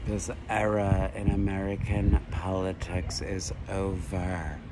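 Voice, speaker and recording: A man in his thirties, rambling and lecturing excitedly into a phone held at arm's length outdoors. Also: deep voice, takes it slowly, background noise. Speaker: vlogger. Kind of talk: rambling selfie monologue. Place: outdoors by a building wall.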